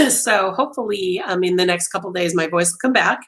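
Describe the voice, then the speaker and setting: A middle-aged livestream host, voice fading, chats with live viewers over a webcam in her little home craft room, gesturing as she talks and peppering her speech with ums and restarts. She sounds on the low side, animated, brisk, and a bit bright.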